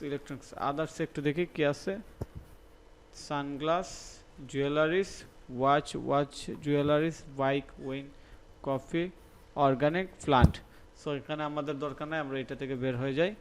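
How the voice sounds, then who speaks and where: Young man, Sylheti-tinged Bangla accent, online class instructor, somewhat high voice, repeats himself. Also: a little hiss or hum. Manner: thinks aloud, repeats words, checks understanding often. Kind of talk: live online class, teaching while browsing.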